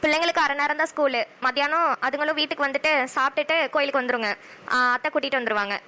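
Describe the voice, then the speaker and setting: A woman voicing a caring elder sister giving brisk instructions in a cartoon. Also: high voice, sharp tone. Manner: brisk, motherly. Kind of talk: cartoon voice acting.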